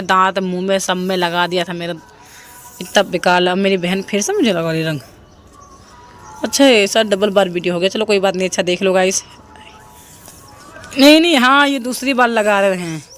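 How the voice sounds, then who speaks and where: A woman's voice: mid-range voice, steady tone, fairly quick, fairly bright tone, soft background music. A young woman narrating her home video in a chatty voice-over, often pleading with viewers to comment. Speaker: family vlogger.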